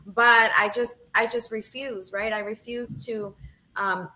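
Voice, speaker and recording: Bright-voiced earnest woman in her forties. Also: fairly high pitch, fairly even intonation, a little slow, low-quality recording. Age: 40s. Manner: earnest, keeps asking "right?". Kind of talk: casual podcast conversation.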